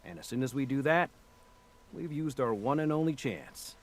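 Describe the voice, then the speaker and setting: A man's voice: medium pitch, animated, normal speed, natural voice. An actor playing a nervous male scientist who explains a teleport machine. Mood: explaining.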